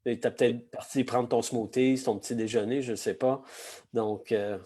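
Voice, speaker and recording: A man with a Québécois accent talks his way through a video-call masterclass, his voice a little hoarse and warm in tone. He rambles gently with hesitations and friendly asides, sounding middle-aged and at ease. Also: medium pitch, fairly even intonation, normal speed. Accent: Québécois French. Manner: chatty, many hesitations and asides. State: slightly hoarse, frog in the throat. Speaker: sake expert giving a masterclass. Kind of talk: online masterclass presentation.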